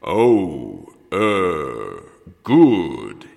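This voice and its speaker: A man reading a storybook as the Hogfather, a solemn, literal-minded gift-giver with a slow, deadpan delivery in heavy reverb. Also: gravelly, full character voice. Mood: grave, probing. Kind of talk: storybook read-aloud character voice. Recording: long booming reverb.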